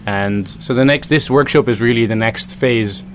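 Man with a thoughtful, halting manner. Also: mid-range voice, slight background noise. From Netherlands. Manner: thoughtful, many ums and restarts. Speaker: food system consultant. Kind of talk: interview answers.

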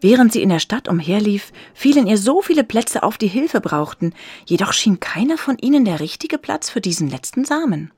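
A woman narrating a children's story in an expressive, soft storytelling manner. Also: mid-range voice, normal speed, husky, no room sound.

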